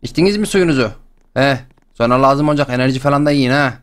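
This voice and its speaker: A young man hosting a game channel, chatting and joking excitedly as he plays. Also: mid-range voice, fast. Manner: chatty, excitable, jokes and exclamations. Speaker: gaming channel host. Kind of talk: playful let's-play commentary.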